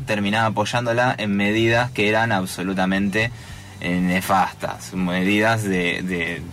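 A radio guest, a man with a Rioplatense Spanish accent and a somewhat low voice. He keeps hesitating and restarting, and his pace is uneven. Faint music plays behind him. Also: fairly bright tone. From Argentina. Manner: hesitant, many fillers and restarts. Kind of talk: radio talk, recounting school events.

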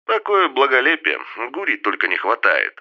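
A man voicing a joking young male soldier whose quiet voice comes through a hidden earpiece, whining in a mock put-on way. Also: mid-range voice, huge pitch swings, normal speed, muffled recording, pitched above the performer's own voice. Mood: teasing. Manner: mock-whiny, fake Georgian-style put-on. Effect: quiet voice coming through a hidden earpiece. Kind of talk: audiobook reading.

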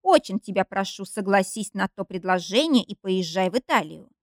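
A woman's voice: medium pitch, expressive, moderate pace, no room sound, clean studio sound, lightly acted. A woman reading an audiobook, voicing a young man who speaks firmly and sounds fed up. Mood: firm, weary. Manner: firm, stern and tired.

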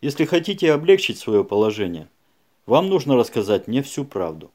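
A man playing a calm, serious male detective speaking in measured, curt phrases in an audiobook. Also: medium pitch, close to an everyday voice.

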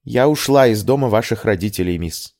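A man's voice: fairly low pitch, lively intonation, brisk, a little mellow, voice pushed up. A man voicing a loyal young maid in an audiobook, chatty and indignant, addressing her mistress deferentially. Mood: reporting.

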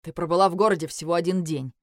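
A stern, bitter young man, as a woman reading the book puts him on. He talks low and curt, with a dry, close sound in a storybook reading. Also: quick pace, no room sound, close to an everyday voice.

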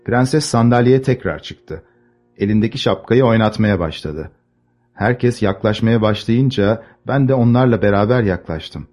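A man narrating a classic novel as an audiobook, measured and expressive. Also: lowish voice, faint music behind.

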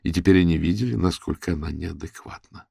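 A man narrating an audiobook in an expressive, scripted delivery. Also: low-pitched, quick pace, vocal fry, breathy edge, no echo, clean studio sound.

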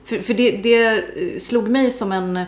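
A woman's voice: on the high side, fairly even intonation. A young woman with an Uppsala Swedish accent, co-hosting a podcast and telling stories casually, with many fillers and acted-out quotes. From Sweden. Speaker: podcast co-host. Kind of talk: casual chat. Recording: roomy echo.

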